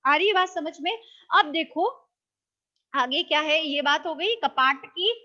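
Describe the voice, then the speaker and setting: A woman's voice: high-pitched, takes it slowly, bright, forceful tone, lo-fi sound. A woman teaching a biology class, asking questions and answering them herself, often checking that students follow and correcting her own slips. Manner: checks understanding with frequent "got it?"; self-correcting, with hesitant fillers.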